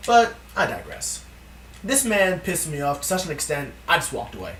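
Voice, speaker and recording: A man's voice: on the high side, very animated, moderate pace, a bit bright, slight background noise. A man telling a story in a casual, profane, ranting vlog. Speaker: vlogger. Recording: echoey room from a distance.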